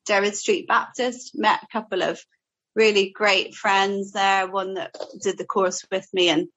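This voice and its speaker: A woman's voice: medium pitch, steady tone, a little slow, fairly bright tone, highs cut off. A woman with a Northern Irish accent telling her own story casually and a little hesitantly as a guest. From Portadown, Northern Ireland. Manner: hesitant, chatty. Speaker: podcast guest.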